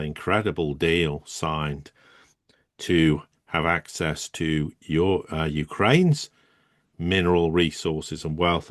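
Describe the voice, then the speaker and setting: A man's voice: low-pitched, gravelly, dry recording, studio quality. A man, co-hosting and giving emphatic, rambling geopolitical commentary. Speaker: co-host.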